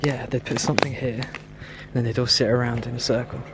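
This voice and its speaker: A man's voice: medium pitch, little pitch movement, brisk, gravelly, loud music behind the voice. A young man, vlogging as he explores a forest, talking nervously and uneasily. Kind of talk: casual vlogging while exploring. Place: outdoors in a forest at night. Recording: noisy outdoor camera audio.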